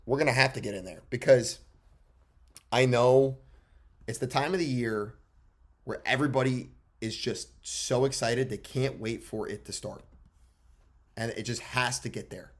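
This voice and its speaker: A young man co-hosting a sports podcast in loose, casual chat. He talks bluntly and gets excitable, swearing as he goes. His voice sits at an ordinary middle pitch. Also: moderate pace, pauses often. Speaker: podcast co-host.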